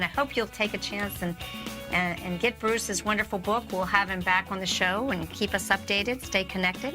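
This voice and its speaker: A woman hosting an interview show, affirming and encouraging toward her guest. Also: medium pitch. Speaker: talk show host. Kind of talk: interview talk.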